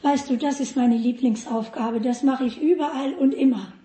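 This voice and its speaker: A woman voicing a gentle male Jesus in a children's story, asking kindly. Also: high voice, normal speed, natural voice. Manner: kind, softly asking. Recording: echoey hall.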